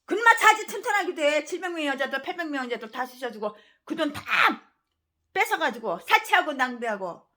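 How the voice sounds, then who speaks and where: A woman in her sixties preaching a sermon as a pastor. She rants scornfully, fires off rhetorical questions and swings between loud outbursts and low mutters. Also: sing-song, a little fast, slight background noise. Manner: fiery, ranting, scornful.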